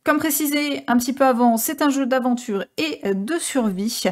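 A woman's voice: high-pitched, normal speed. A woman gaming streamer giving casual gameplay commentary, chatty and joking with many hesitations.

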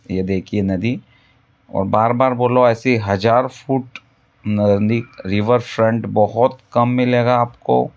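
A male land broker talks over drone footage in a steady middle-pitched voice. His patter circles back again and again to the same selling points. The recording is dull and slightly lo-fi. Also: slow, vocal fry. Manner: pitchy, repetitive salesman patter. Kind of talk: property sales voice-over.

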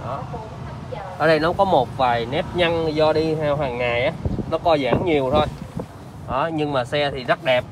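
High-voiced southern Vietnamese used car salesman. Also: normal speed. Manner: salesman's pitch, repeatedly addressing viewers with reassurances. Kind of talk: improvised car walkaround sales presentation. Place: outdoor car lot and inside a car. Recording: clear outdoor car lot ambient noise.

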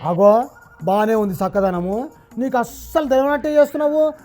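A woman with a Telangana Telugu accent hosts a comic satirical interview, teasing her guest in dialect-heavy banter. Her voice sits somewhat high. Faint music plays beneath her. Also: lively intonation, moderate pace, dark tone.

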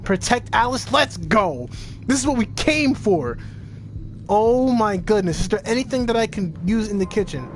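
Profane excitable man gaming commentary. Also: sits high, normal speed, a little hiss or hum. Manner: excitable, profane, reacts loudly to the game. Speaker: gaming channel host. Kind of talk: casual let's-play commentary.

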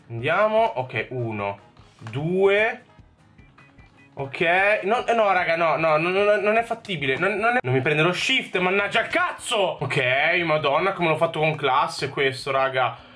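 A young man with an Italian accent commentating his own video game play, excitable, swearing and talking to himself. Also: high voice, measured pace, faint music behind. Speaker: gaming YouTuber. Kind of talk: Minecraft parkour gameplay commentary.

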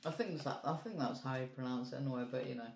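A woman's voice: extremely low pitch, fast, a little mellow, roomy sound, a little hiss or hum. A woman co-hosting a casual vlog, chatting with friendly asides. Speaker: vlog co-host. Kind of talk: casual chat.

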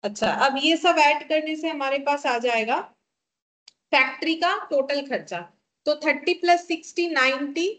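High-voiced Indian woman teaching a lesson. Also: a bit bright. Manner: slow, repetitive dictation of figures, asking and answering her own questions. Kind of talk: step-by-step classroom lesson.

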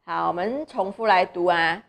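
A young woman teaches small children to read, sounding out syllables slowly. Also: lowish voice, creaky, a bit bright. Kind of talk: children's reading lesson.

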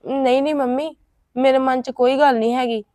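A woman's voice: high voice, fairly even intonation, a little fast, a little mellow, dry recording, clean studio sound. A woman playing an elder daughter who answers her mother politely and deflects questions about marriage in a homemade family drama.

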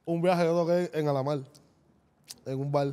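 A man's voice: on the high side, moderate pace, clean tone. A man, a musician guest on a casual podcast, telling a story and acting out the voices of the people in it. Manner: animated storyteller, acts out voices.

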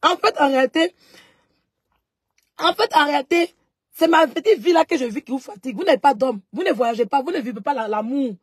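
A woman's voice: sits high, expressive, a little fast, no room sound, studio quality. A woman vlogger answering followers in a live stream, confrontational and mocking, repeating herself as she talks straight into her phone.

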